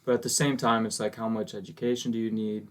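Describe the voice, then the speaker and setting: A man's voice: on the low side, little pitch movement, fast. A man hosting a podcast, chatting casually in a rambling, musing way with many fillers. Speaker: podcast host. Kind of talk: casual chat.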